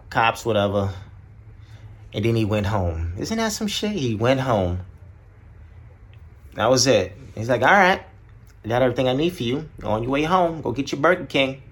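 This is a casual solo rant from a podcast host who talks bluntly, swears a lot, and wanders off into tangents. Now and then he imitates others by putting on a high-pitched voice.

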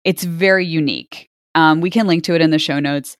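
A woman's voice: deep voice, fairly even intonation, brisk, dry recording, studio quality. A woman co-hosting a podcast, chatting casually about travel with many filler words. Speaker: podcast co-host. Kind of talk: casual chat.

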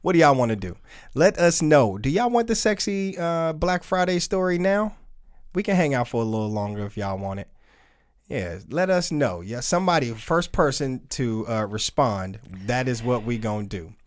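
A relaxed male podcast co-host with a mid-range voice, speaking loosely and conversationally. He swears casually and keeps things light. He talks straight into a podcast mic during a live stream. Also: mid-range voice, normal speed. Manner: loose, laid-back and chatty, with casual swearing. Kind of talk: casual chat.

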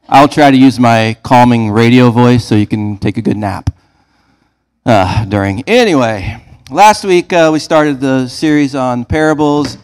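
A man's voice: mid-range voice, darkish tone, low-quality recording. Male pastor, middle-aged, chatty sermon delivery with jokes and fillers. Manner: casual, joking asides, many fillers.

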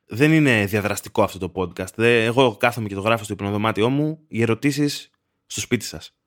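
Sardonic man in his thirties ranting. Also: fairly low pitch. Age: 30s. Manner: sardonic, ranting, deadpan exaggeration. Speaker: podcast host. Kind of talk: solo comedic podcast monologue. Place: his bedroom.

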